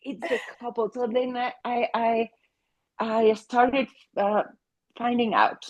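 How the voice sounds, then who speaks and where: A middle-aged woman with a Mexican accent, Spanish being her first language, discusses being a family therapist in an interview. Her voice is on the high side and her intonation fairly even, and she talks at a slow pace. She sounds earnest and keeps restarting and filling pauses.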